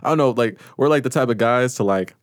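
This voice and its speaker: A man's voice: mid-range voice, quick pace, no room sound, studio quality. A young man in casual group chat, rambling in a laid-back, slangy way.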